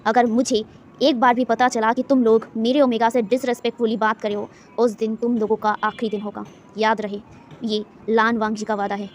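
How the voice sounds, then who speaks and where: A woman voicing a powerful man who quietly threatens anyone who harms his partner, in a storybook reading. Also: on the high side, little pitch movement, brisk, a little hiss or hum, natural voice. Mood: menacing. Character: protective powerful man, coldly menacing.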